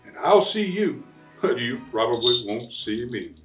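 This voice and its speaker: A man's voice: medium pitch, sing-song, a little slow. A man playing jolly old Santa Claus at story time, speaking to children in a friendly way. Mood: jolly, kindly. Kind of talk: storytime greeting. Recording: roomy, distant mic, faint music.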